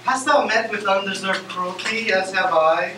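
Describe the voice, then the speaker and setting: A man's voice: sits high, normal speed, lightly acted. A man playing a brooding, courtly suitor in a grandiloquent mock-Shakespearean stage manner. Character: courtly, brooding suitor speaking archaic verse. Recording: echoey, noisy, distant room recording.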